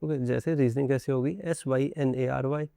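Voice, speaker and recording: A man's voice: medium pitch, level tone, normal speed, creaky, mellow, smooth, no echo, studio quality. A young man from India with an Indian accent, teaching an exam-prep lesson and explaining in a direct way to his students. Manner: mixes English terms into Hindi, addresses students directly.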